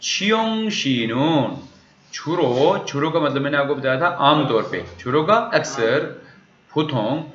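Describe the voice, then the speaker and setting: A man's voice: medium pitch, moderate pace, a bit bright. A man teaching a language lesson, walking through a recorded dialogue and repeatedly asking questions that he answers himself. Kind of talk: lecture explaining a recorded dialogue. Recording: echoey room, dull lo-fi sound.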